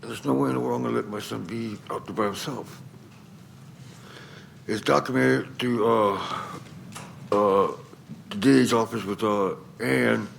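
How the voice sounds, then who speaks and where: A man's voice: mid-range voice, fairly even intonation, measured pace, gravelly, pauses often, slight background noise, low-quality recording. A middle-aged man giving unscripted personal testimony as a commenter at a public meeting. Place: council chamber at public microphone.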